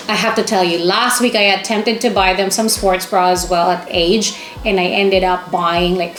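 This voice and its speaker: A woman vlogger chatting casually and enthusiastically to camera as she shows things off in a shopping haul. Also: lowish voice. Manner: chatty, enthusiastic, exclaiming over items. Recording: echoey room with music underneath.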